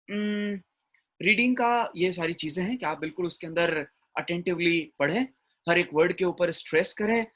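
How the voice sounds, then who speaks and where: With a high-pitched, slightly bright voice, a man teaches English in a classroom lecture. He regularly checks that students are following with "ठीक है ना?" and blends English words into what he explains.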